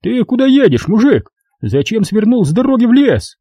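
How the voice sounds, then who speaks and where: Man doing a fat pompous notary in an audiobook, shrill and squealing, condescending and grasping, husky dark tone, bouncy high pitch. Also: very animated, normal speed, dry recording, exaggerated voice. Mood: panicked, shrieking. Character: fat greedy pompous male notary, middle-aged.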